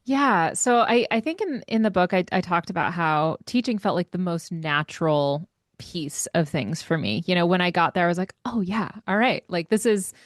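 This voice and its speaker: A woman's voice: on the low side, normal speed, no echo, studio quality. A woman educator and author talking casually in an interview, chatty and self-deprecating, often laughing at herself.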